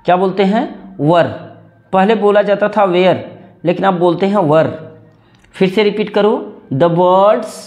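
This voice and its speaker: A man's voice: high voice, steady tone, measured pace, darkish tone, faint music behind. A man with an Indian accent teaching English reading word by word and having students repeat after him. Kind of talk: slow read-along English lesson in Hindi.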